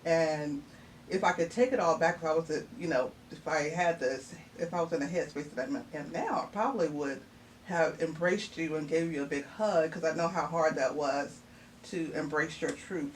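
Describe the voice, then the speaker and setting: Appearing on a podcast hosted by her child, a middle-aged woman chats in a relaxed, thoughtful way, full of laughter and filler words. She has a low-pitched voice and speaks at a moderate pace; the mic sounds distant, with a little noise.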